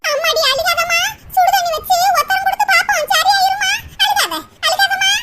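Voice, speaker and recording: A fussy cartoon mother-in-law who frets and scolds in a squeaky, wailing voice. Her voice sits extremely high. A loud noise runs under the recording. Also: steady tone, fairly quick, distant mic. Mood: fretting. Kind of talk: cartoon comedy voice acting.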